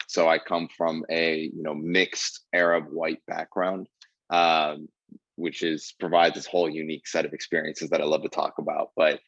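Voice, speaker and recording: On a casual podcast interview, a guest comedian in his twenties from Ohio earnestly recounts his path, his speech full of fillers. His voice is very low yet fairly bright in tone. The audio is dry and a little dull, like a close mic with the highs rolled off, with no room sound.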